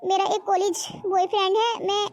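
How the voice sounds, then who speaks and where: A woman's voice: very high voice, little pitch movement, brisk, noisy background. A woman doing a pleading young daughter. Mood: explaining. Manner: pleading, coaxing. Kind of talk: cartoon voice acting.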